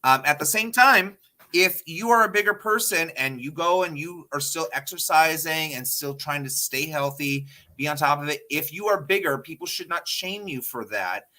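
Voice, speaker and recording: A man in his thirties co-hosting a casual podcast panel, talking in a blunt, animated way and swearing freely. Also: a little high, normal speed. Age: 30s. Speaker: podcast co-host.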